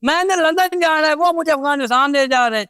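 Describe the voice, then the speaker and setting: A man's voice: very high-pitched, pushed and bright. A man debating religion over a video call, insistent and often interrupting.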